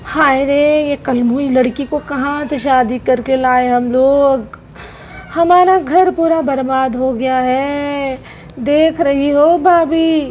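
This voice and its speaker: Lady doing a nagging dramatic auntie, high shrill voice, faint hiss behind. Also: steady tone, slow pace, darkish tone. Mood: complaining. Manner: shrill, wailing complaints. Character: scolding middle-aged aunt, bitter and dramatic. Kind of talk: doll-play soap drama.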